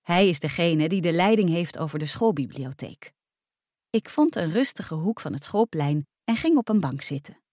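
A woman narrating a first-person storybook aloud in a lively, expressive reading. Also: fairly low pitch, moderate pace, no room sound, clean studio sound.

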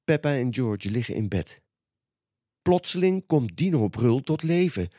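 A man reading a children's storybook aloud in a calm, expressive read-aloud manner. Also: mid-range voice, normal speed, breathy edge, no room sound, clean studio sound. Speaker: storybook reader.

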